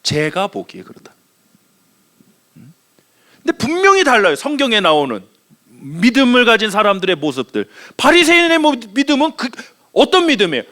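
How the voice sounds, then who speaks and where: A man's voice: extremely high pitch, huge pitch swings, normal speed, bright, forceful tone. A middle-aged man from Daejeon, South Korea, preaching a sermon as pastor and putting rhetorical questions to his congregation.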